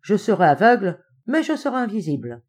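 A man's voice: a little high, expressive, normal speed, dark tone. A woman reading a small, plump chemist who speaks in a curt, resolute and peremptory way. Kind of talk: audiobook character reading.

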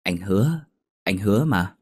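A man reading a story, voicing a smooth-talking, manipulative young man who coaxes. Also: fairly low pitch, lively intonation, normal speed, a little mellow, dry recording, studio quality. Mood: sulking. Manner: coaxing.

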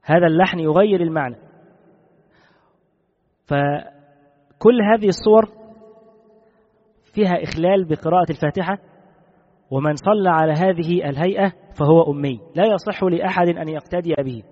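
Man teaching, reverberant dull recording. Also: a little high. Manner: measured, repeats key rulings. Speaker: Islamic law teacher. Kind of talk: classical text lesson.

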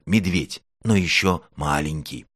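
Man doing a bear cub, storybook, deep low voice, gruff, gentle, dry sound. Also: unhurried, no room sound, heavily acted. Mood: friendly. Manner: gruff and sad. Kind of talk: storybook reading.

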